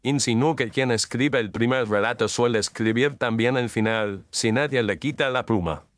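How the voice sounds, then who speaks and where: With a mid-range voice at normal speed, lightly acted and without room sound, a man takes on the part of a middle-aged detective in a radio drama. The detective is cool and exacting, and his pronouncements come out precise, commanding and measured.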